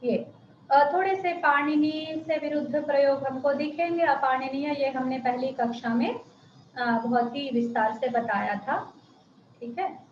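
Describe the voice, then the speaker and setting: Slow, patient woman teaching an online class. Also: sits high, roomy sound, lo-fi sound, a little hiss or hum. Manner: patient, explains slowly, often asks "ठीक है?". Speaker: Sanskrit teacher.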